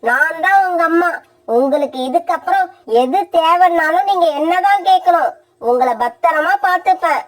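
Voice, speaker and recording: Brief: woman as a high-voiced, sharp-tongued cartoon mother crow, scheming and harsh. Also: moderate pace. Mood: scolding. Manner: sharp-tongued, scolding, threatening. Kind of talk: cartoon voice acting.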